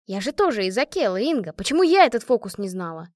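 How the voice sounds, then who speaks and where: A woman's voice: mid-range voice, very animated, fast talker, a little mellow, no echo, studio quality, natural voice. Woman doing a wide-eyed young trainee. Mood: surprised.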